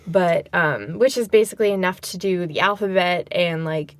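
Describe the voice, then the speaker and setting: A woman's voice: on the low side, moderate pace, dry recording. A woman co-hosting a casual podcast, talking in a chatty way with lots of fillers and easy laughs. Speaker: podcast co-host. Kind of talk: casual chat.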